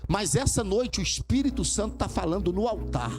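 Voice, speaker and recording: A man preaching, his voice pitched high for a male speaker. He drives each point home emphatically and calls for amens. Music plays clearly under the sermon. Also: expressive, normal speed, darkish tone. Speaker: pastor.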